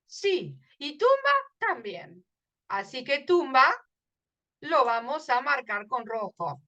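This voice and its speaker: A woman's voice: high voice, sing-song, slow, pushed and bright, muffled recording. A woman explaining a literature lesson, emphatic and often checking in with her listeners. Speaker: literature teacher.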